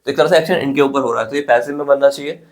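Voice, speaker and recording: A man's voice: medium pitch, rapid-fire. An Indian man teaching an exam-prep English grammar lesson, explaining step by step and often checking in with his students. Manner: explains step by step, often asks "theek hai?".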